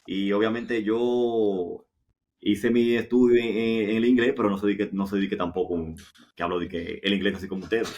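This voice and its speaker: A man with a fairly deep voice and a Dominican Caribbean Spanish accent. He recounts anecdotes casually, like a guest in an interview. He often repeats a phrase or asks a rhetorical question before carrying on. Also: steady tone, moderate pace, darkish tone, lo-fi sound. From Dominican Republic. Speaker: interview guest, professional football goalkeeper.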